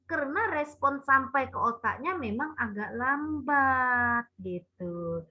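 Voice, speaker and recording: A woman with a somewhat high voice gives a parenting talk to parents. She often calls them Bapak Ibu and acts out the lines of mothers and children. The recording sounds dull and lo-fi. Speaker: parenting speaker.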